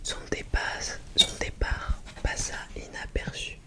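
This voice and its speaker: An ASMR host reading a children's picture book aloud in a hushed library whisper, with gentle phrasing and small asides to listeners. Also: takes it slowly.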